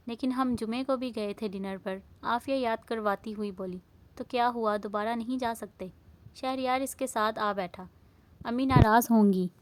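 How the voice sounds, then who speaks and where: A woman with an Urdu accent reading a romance novel aloud, voicing dialogue and narration in a steady, even way. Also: a little high, no echo. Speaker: novel reader.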